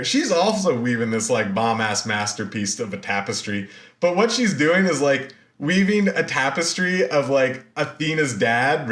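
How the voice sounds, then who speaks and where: Slangy, animated male lecturer. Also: mid-range voice, reverberant. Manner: slangy, animated storytelling with many fillers. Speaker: university lecturer. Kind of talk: casual recorded lecture.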